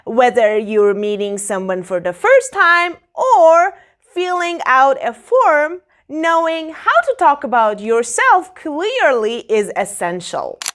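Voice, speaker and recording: A woman teaching English phrases in a clear, emphatic, sing-song way. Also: high-pitched, very animated, slow pace. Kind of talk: slow instructional explanation.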